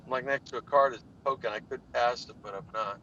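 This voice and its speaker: A man's voice: medium pitch, steady tone, fast, bright, forceful tone, lo-fi sound, slight background noise. A man in a car chatting casually over a video conference call, laid-back and drawling, often calling his listener "man". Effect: heard over a video conference call. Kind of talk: casual chat on a call while driving. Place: in a car on the road.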